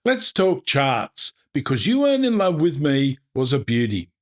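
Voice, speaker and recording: An Australian man narrates music history from an upbeat, colloquial script, his medium-pitched voice sing-song and a little slow. Music plays behind him throughout.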